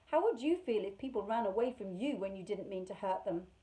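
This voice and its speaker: A woman reading aloud and voicing a calm, serious, bookish boy who speaks gently but sternly. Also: mid-range voice, brisk, close to an everyday voice, rough recording.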